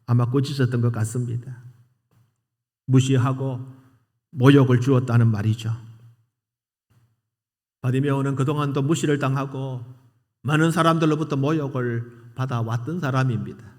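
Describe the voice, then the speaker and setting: A man's voice: medium pitch, fairly even intonation, moderate pace, pauses often, a little mellow, in a large hall. A man preaching a sermon as pastor, retelling a story dramatically and raising his voice for the quoted cries. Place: church sanctuary.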